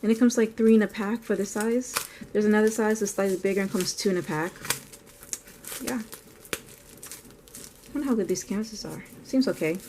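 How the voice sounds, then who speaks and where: Woman, art vlogger, casual thinking-aloud chatter, mid pitch, clicking noise throughout. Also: moderate pace, pauses often. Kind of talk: casual narration while painting.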